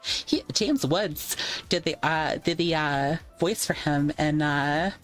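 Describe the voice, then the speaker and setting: A woman's voice: low voice, slow, faint music behind. Playful rambling woman streamer. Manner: rambling, playful, trails off and restarts; thanks viewers for tips between tangents. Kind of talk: casual livestream chat.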